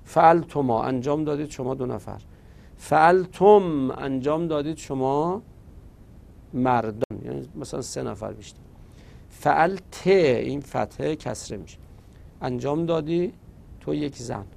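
Male grammar teacher, gravelly voice, patient and repetitive, recorded lesson. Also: medium pitch, a little mellow. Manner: patient, repetitive drilling of verb forms.

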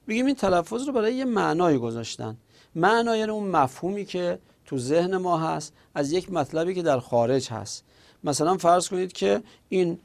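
A man teaching a lecture, explaining slowly and deliberately with frequent hesitations. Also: on the high side, gravelly, a little mellow. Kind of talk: recorded classroom lecture. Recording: audio from a lecture recording.

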